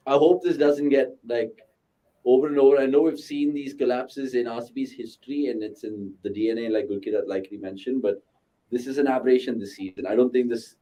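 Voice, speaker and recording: A man's voice: medium pitch, steady tone, fairly quick, dark tone, poor audio. A man with an Indian accent in casual live sports banter, opinionated and argumentative. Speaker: cricket watchalong host.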